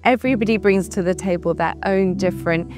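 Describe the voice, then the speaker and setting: A woman's voice: medium pitch, fairly quick. Reassuring woman doctor in her forties. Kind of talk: interview. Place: bright office with large windows. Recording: soft music underneath.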